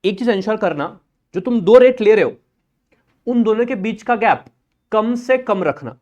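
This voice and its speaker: A high-pitched man lectures a live class. He talks in a brisk, blunt and informal way, teasing his students as he works through each step. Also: animated, a little mellow, dull audio. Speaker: accounting lecturer.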